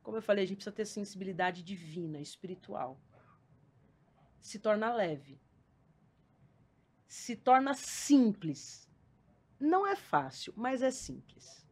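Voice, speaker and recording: Animated woman telling a story. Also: medium pitch, measured pace, pauses often, breathy edge. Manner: lively, slangy storytelling with acted-out quotes. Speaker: school lecturer, podcast guest. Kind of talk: casual storytelling conversation.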